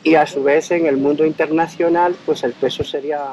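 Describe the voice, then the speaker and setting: A man's voice: a little high, steady tone, fairly quick, darkish tone. A man from Spain conducting a street interview outdoors, asking leading questions and explaining his points at length. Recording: dull audio with faint street noise.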